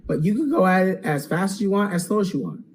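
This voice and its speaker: A man hosting a live webinar Q&A, upbeat and salesy, checking in with "okay?" and going hoarse. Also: sits high, sing-song, fast talker, slight background noise, rough recording. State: losing his voice. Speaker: online course host.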